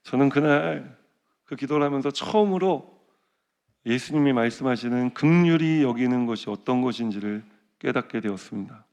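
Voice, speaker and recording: A middle-aged male pastor giving a sermon, telling a personal story in an animated way and acting out his prayers and other people's words. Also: medium pitch, moderate pace, gravelly. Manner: animated storytelling, acts out prayers and quoted voices. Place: church.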